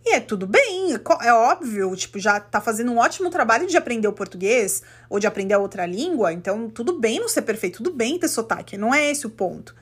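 Animated Brazilian woman telling a story. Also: on the high side, fast, few pauses, slightly rough. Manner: animated, indignant, acts out quotes. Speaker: podcast host. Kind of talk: casual storytelling monologue. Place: living in the United States.

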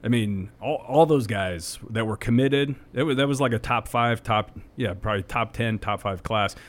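A man co-hosting a casual sports talk show, speaking haltingly with many fillers and restarts. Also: mid-range voice. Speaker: co-host.

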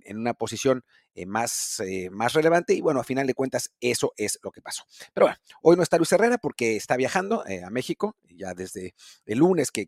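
A man's voice: medium pitch, darkish tone, no echo, studio quality. Chatty Mexican man hosting a podcast. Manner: chatty and rambling, many fillers and self-corrections. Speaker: podcast host. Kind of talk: solo podcast commentary.

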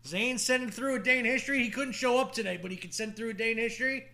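Male podcast host, high-pitched and bright, casual, teasing, foul-mouthed comic banter. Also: quick pace. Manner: teasing, profane.

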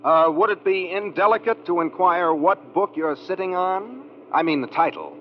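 An actor playing a quick-thinking detective's sidekick with dry, sardonic, wordy wisecracks in a 1940s radio mystery. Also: male voice, sits high, lightly acted. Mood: sardonic, amused. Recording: noisy, muffled old radio recording.

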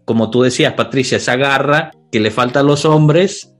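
A man's voice: mid-range voice, moderate pace, faint music behind. A man with a Latin American accent hosting a casual sports podcast discussion. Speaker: podcast host.

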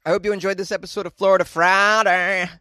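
Male podcast host from Boston, slightly high voice, loose self-mocking ramble, dry close closet sound. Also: flat delivery, fast talker, pushed and bright, dry recording. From Boston, United States. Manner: joking, self-deprecating, profane asides. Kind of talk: casual, rambling podcast outro. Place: small closet, indoors.

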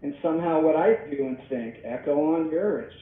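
A man in his thirties talks through his ideas in a loose, rambling way, often backing up to restart a thought. His voice sits a little high. It comes through a tinny phone line with a hollow, echoey ring. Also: moderate pace. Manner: rambling and reflective, with frequent restarts. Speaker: podcast guest. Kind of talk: casual podcast talk.

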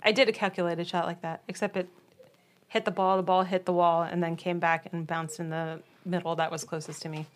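A woman's voice: fairly low pitch, flat delivery, brisk. A middle-aged woman from the Baltimore area co-hosting a casual true crime podcast, playful and giggly in banter with her sisters. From Baltimore, Maryland area. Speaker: podcast co-host. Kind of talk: casual chat.

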